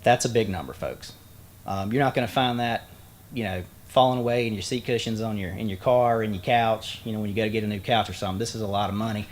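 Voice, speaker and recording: At an outdoor groundbreaking site, a state aviation official speaks quickly into a podium microphone in a lowish voice. His ceremony speech is plain-spoken, sprinkled with folksy asides and frequent fillers.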